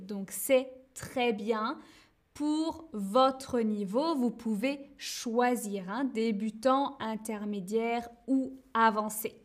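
A woman with a high voice explains things to learners at a very slow, deliberate pace. She repeats key words and leans on small fillers as she goes. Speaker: French teacher.

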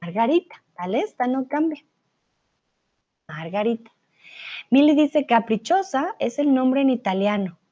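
A woman teaching Spanish in a live online lesson, chatting and reading viewers' comments aloud, saying words slowly and carefully for learners. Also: sits high, lively intonation, warm tone. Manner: slow, careful pronunciation for learners. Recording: slightly dull, lo-fi sound.

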